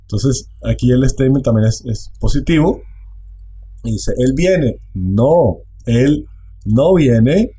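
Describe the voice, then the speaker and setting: A man teaching a language online, explaining slowly and repeating phrases. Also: medium pitch, expressive, warm tone, slightly rough.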